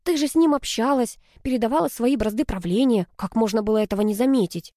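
A hot-tempered young student girl who hisses out her complaints, her voice pitched a little high and mellow, as a woman reads her part. The delivery is dry and close, with no room around it. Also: lively intonation, moderate pace, dry recording. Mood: indignant. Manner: indignant, hissing complaints.

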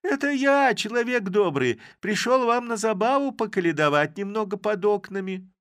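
Brief: a sly old village man squeaking in a high put-on caroler voice, storybook read. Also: expressive, moderate pace, fairly bright tone, clean tone, dry recording, clean studio sound. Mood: falsely sweet. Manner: shrill, falsely friendly.

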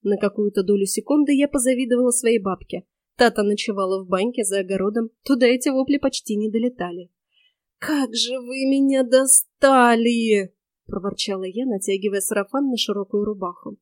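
A young woman reading a first-person story aloud, with a wry, lively delivery of the dialogue. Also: medium pitch, fast talker, no echo, clean studio sound. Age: young adult. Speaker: audiobook narrator.

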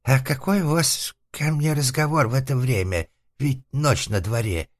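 A man voicing a timid, easily frightened hermit who whines and wails in a shrill, trembling voice, in an audiobook. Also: normal speed, lightly acted. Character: frightened, whimpering male hermit behind a door.

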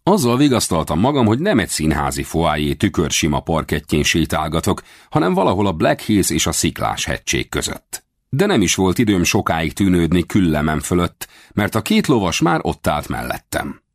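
A man's voice: low-pitched, very animated, dry recording. A man reading a first-person adventure novel aloud as an audiobook narrator, with a dry, wry storytelling manner.

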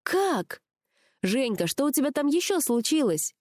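A woman's voice: fairly high pitch, brisk, a little mellow, no echo, clean studio sound, voice pushed up, close to an everyday voice. A woman reading an audiobook, voicing a talkative, teasing young female friend. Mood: musing. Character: chatty, nosy young woman friend on the phone.

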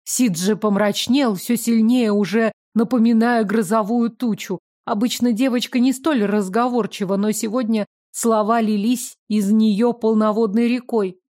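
A woman giving a measured, expressive first-person audiobook narration. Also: a little high.

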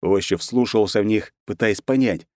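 Low-voiced male audiobook narrator. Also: normal speed, darkish tone, no echo. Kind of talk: audiobook reading of a novel. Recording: dry, close sound.

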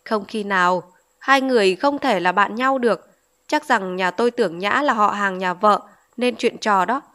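A woman's voice: mid-range voice, normal speed, bright, forceful tone, natural voice. A woman reading aloud voices a proud, feverish young bride who answers back sharply and indignantly. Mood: dismissive.

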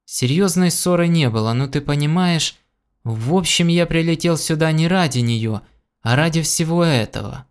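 A man's voice: a little high, normal speed, smooth, pitched above the performer's own voice, natural voice. A man reading the lines of an earnest, thoughtful man from Earth in an audiobook, voice raised a little.

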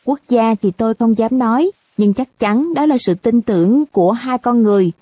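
A woman's voice: a little high, normal speed, husky, dry recording. A woman reading the part of a girl's father who gives dry, witty answers to reporters in a storybook reading. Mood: wry. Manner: wry, deadpan answers.

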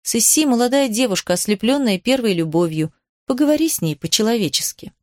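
A woman voicing a sensible older aunt who gives calm, gentle advice. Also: a little high, brisk, dry recording, clean studio sound, lightly acted. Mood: gentle admonishing. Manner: calm, instructive, soft.

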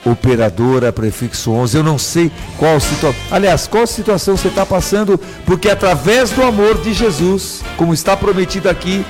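A man's voice: high voice, normal speed, few pauses. A Brazilian man, a priest hosting radio, preaching conversationally with emphatic, repeated phrases. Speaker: priest hosting a live religious radio show. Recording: music playing behind the voice. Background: music.

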